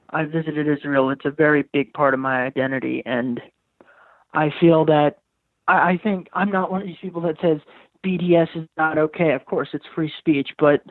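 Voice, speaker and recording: A teenage guy phoning in on a thin, tinny line that sounds boxy and dry, his voice a bit high for a man. He talks earnestly and at length, hunting for the right words as he goes. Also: dry recording. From New York, USA. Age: teens. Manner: earnest, wordy, searching for words. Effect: heard over the phone. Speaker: caller. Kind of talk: casual call-in talk. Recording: tinny, breaking-up phone line.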